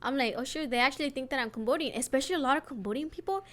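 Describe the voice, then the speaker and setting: High-voiced young woman, animated chat. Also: rapid-fire. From Guatemala. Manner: animated storytelling, acts out quotes, laughs and swears. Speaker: podcast co-host. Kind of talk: casual chat.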